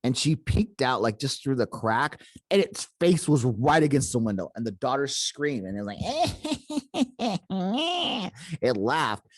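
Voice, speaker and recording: A man's voice: medium pitch, moderate pace, hardly any pauses, no echo, clean studio sound. A man hosting a podcast, retelling a paranormal encounter in a casual, rambling way with many fillers and restarts. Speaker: podcast host.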